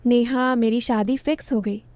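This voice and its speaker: A woman's voice: a little high, fairly even intonation, normal speed, a little mellow, no echo, natural voice. A woman voicing a teasing young man.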